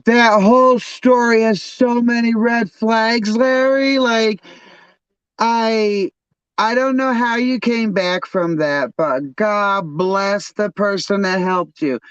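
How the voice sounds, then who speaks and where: A man's voice: sits high, takes it slowly, a bit bright, smooth, no room sound, highs cut off. A man co-hosting a casual chat, talking earnestly with plenty of "like"s. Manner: earnest, talks with many "like"s. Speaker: co-host.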